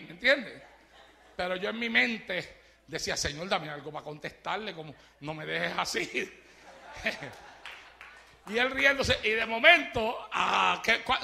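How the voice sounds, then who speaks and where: A man preaching a fiery sermon in a church, moving between hushed storytelling and shouted exclamations. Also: high-pitched, vocal fry.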